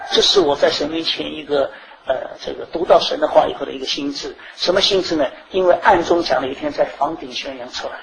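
A man preaching a sermon, telling stories from his own life and swinging between loud, high bursts and quiet asides. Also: vocal fry, a little hiss or hum, poor audio. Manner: animated, rising and falling sharply in pitch and volume.

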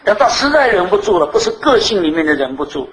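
High-voiced man preaching in an echoey room. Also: big pitch swings, fast, fairly bright tone. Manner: rhetorical questions, earnest teaching. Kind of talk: sermon.

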